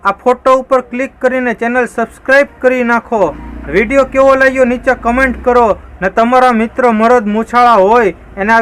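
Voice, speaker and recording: A young married man hosting a comedy channel, telling jokes in a lively monologue and voicing the people in them. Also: very high-pitched, smooth, low-quality recording. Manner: lively storyteller, slips into voiced quotes.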